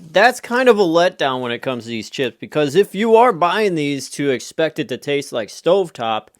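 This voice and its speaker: An American man chatting casually through a food review in a rambling, offhand, conversational way. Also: medium pitch. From United States. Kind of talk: casual off-the-cuff review chat.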